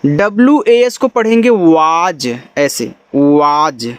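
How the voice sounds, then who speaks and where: Slow, high-voiced man teaching phonics. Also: lively intonation. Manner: slow, patient, spells letters then sounds words out, repeats quiz questions. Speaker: English teacher. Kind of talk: Hindi-language phonics lesson, spelling out English words letter by letter.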